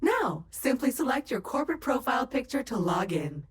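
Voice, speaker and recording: Sex: woman. Figure: a chirpy, helpful female AI assistant in a video game. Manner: perky, playful. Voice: high, very lively pitch. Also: moderate pace, a little hiss or hum. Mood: wry helpful. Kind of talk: scripted game dialogue.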